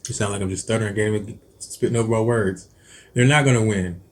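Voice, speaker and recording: Brisk and lowish, with fairly even intonation, the man hosting this cooking channel chats loosely about his football picks over a meal. His talk wanders and stumbles, packed with ums, restarts and self-corrections.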